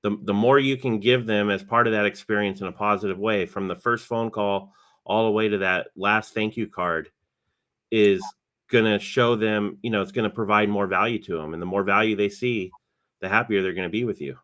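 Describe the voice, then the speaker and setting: Low-voiced man, measured podcast co-host. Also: fairly even intonation, a bit bright. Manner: measured, uses many fillers. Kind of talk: casual podcast chat.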